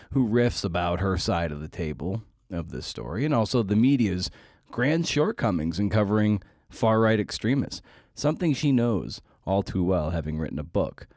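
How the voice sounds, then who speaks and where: A deep, darkish male voice hosts a podcast in clean studio sound with no room echo. His casual, wry monologues and interviews are full of rhetorical questions.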